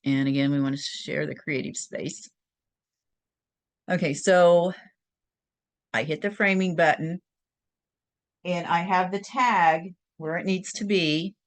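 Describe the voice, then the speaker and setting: A woman's voice: lowish voice, takes it slowly, pauses often, no room sound, rough recording. A woman hosting a crafting tutorial, talking step by step through a screen-share in a chatty, think-aloud way.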